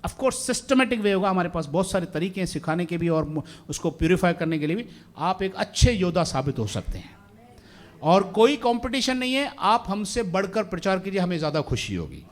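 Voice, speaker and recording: A man's voice: sits high, brisk. A male pastor from India preaching a sermon in a church, mixing in English phrases and asking the congregation questions. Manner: animated, asks the congregation questions.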